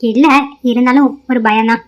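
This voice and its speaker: A woman voicing a timid young village wife who speaks softly and uneasily. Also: fairly high pitch, fairly even intonation, brisk, lo-fi sound, natural voice. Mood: uneasy. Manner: soft, uneasy. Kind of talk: cartoon voice acting.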